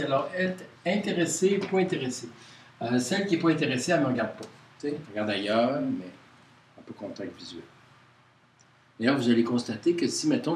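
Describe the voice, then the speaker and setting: A man with a Quebec French accent leads an informal workshop, talking to a small group in a halting way full of hesitations and restarts. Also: mid-range voice. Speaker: workshop leader. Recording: roomy, distant mic with faint noise.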